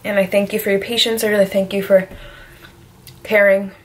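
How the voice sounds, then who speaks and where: A woman's voice: mid-range voice, little pitch movement, fast talker. A young woman vlogging casually to her viewers, rambling with lots of fillers, tired and emotional, sometimes out of breath. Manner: rambling, filler-heavy, frequent "like". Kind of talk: casual vlog to camera.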